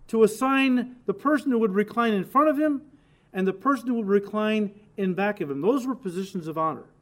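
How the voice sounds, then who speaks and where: High-voiced man teaching a sermon. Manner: emphatic, conversational, addresses listeners directly. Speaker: pastor and Bible teacher.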